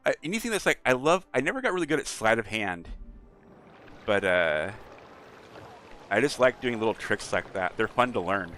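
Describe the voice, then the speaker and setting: A man's voice: on the low side, lively intonation, moderate pace, long pauses, bright, forceful tone, faint music behind. A man streaming a video game, chatting casually in a rambling, playful way. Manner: rambling, playful, chuckles often. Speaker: let's player streaming to chat. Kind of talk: casual chat over gameplay.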